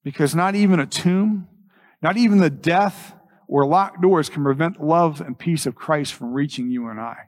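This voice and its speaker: A man with a somewhat high voice delivers a church sermon. He exhorts his congregation earnestly, repeating key phrases and pausing deliberately for emphasis. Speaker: pastor.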